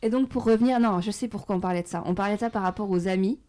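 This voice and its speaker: A woman's voice: medium pitch, mellow. Chatty woman hosting an interview podcast. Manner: chatty, quick reactions, laughs easily. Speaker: podcast host. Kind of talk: casual conversational interview.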